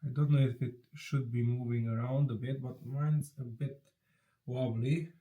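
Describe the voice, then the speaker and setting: A man vlogging as he unboxes and assembles a gaming PC, chatting casually and nervously excited, his voice congested from a cold. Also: medium pitch, normal speed. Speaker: PC building vlogger. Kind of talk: casual hands-on narration.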